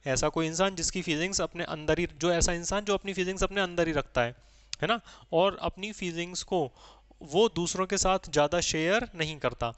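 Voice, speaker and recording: Guy teaching exam english, keeps quizzing the class, smooth voice, kinda high. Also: a bit bright, no echo. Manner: drills students with repeated questions, drawn-out English readings. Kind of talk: exam-prep lesson, explaining words.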